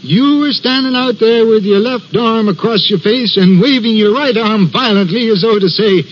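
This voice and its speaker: An actor playing a nervous railway signalman in a 1940s radio play, telling his story in a halting, stammering way. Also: sits high, a little hiss or hum, lightly acted. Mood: haunted. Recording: dull old radio recording.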